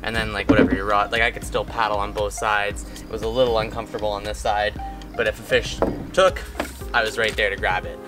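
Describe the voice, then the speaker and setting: A man's voice: on the low side, little pitch movement, fairly quick, music in the background. A man in his thirties casually explaining a how-to job in a backyard, chatty and rambling, with lots of fillers. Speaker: outdoor channel host. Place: backyard lawn, outdoors.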